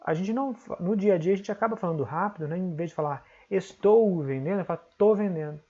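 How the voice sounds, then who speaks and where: A Brazilian-accented man teaches an online exam-prep lesson, walking through the material step by step and often checking in with quick tag questions. His voice is high-pitched with a breathy edge, and the audio's highs are cut off.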